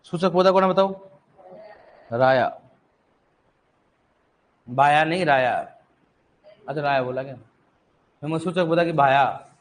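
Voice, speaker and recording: A man's voice: on the high side, normal speed, long pauses. A male agriculture teacher lecturing a classroom in with a tinge, quizzing students and repeating key answers, joking now and then.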